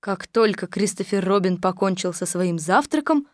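A woman's voice: medium pitch, animated, normal speed, no echo, studio quality. Woman reading a storybook aloud. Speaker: narrator.

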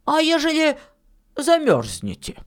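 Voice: high-pitched, huge pitch swings, unhurried, pitched above the performer's own voice, exaggerated voice. A reader voicing a stern old miller. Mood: gruff teasing. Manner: stern, scolding, louder than the narration. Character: stern old village miller, gruff and grumbling. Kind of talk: audiobook reading of a fairy tale.

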